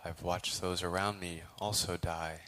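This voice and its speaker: A deep-voiced man, a Buddhist monk and meditation teacher, guides a meditation. His intonation barely rises or falls, and he teaches in measured phrases with long pauses between them.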